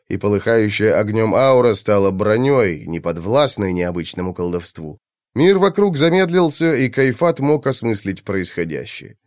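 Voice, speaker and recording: A man narrating a fantasy audiobook in a measured, dramatic reading. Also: mid-range voice, darkish tone, no room sound, studio quality.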